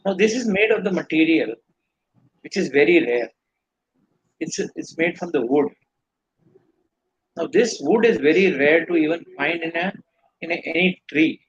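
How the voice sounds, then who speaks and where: Husky Indian man teaching spirituality. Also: a little high, lively intonation, normal speed, long pauses, muffled recording. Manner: earnest, rambling explanations with restarts. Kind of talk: live Q&A teaching.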